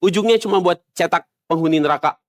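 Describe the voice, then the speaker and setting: A man preaching a sermon as pastor, emphatic and swinging between loud stresses and low murmurs. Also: fast talker. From Indonesia. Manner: mocks other preachers in a soft mimicking voice. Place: church.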